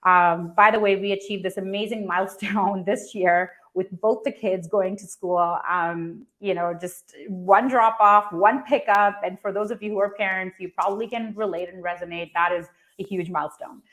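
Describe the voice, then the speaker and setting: A woman's voice: medium pitch, steady tone, moderate pace, few pauses, fairly bright tone. A woman in her thirties from Pakistan, telling her personal story at a startup event in a conversational way with lots of fillers and restarts. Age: 30s. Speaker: founder and speaker.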